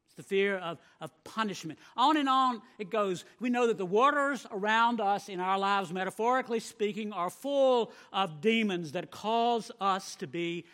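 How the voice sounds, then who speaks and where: A man's voice: high-pitched, normal speed, few pauses, a bit bright. A man preaching a sermon, emphatic, with swelling volume and frequent repeated words. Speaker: pastor.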